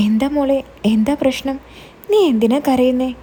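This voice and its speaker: A woman voicing a kindly, protective middle-aged man who gently consoles and reassures in a told story. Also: sits high, fairly even intonation, moderate pace, slightly rough. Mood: concerned. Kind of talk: storytelling, quoted dialogue.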